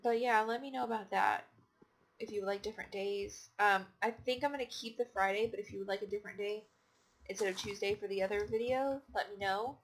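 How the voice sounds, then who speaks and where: A woman's voice: medium pitch, steady tone, a little fast. A tired woman casually commenting on her game play, rambling with many fillers and restarts. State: tired, yawning. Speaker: gaming channel host.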